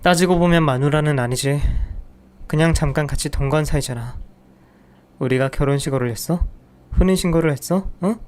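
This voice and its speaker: A man's voice: fairly high pitch, fairly quick, a little mellow, lightly acted. A man voicing a cold, contemptuous husband who insults and dismisses his wife. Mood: dismissive. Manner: scornful, dismissive.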